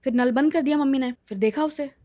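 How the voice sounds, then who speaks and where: A woman telling a true horror story in an animated, chatty and dramatic way. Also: high voice, fast.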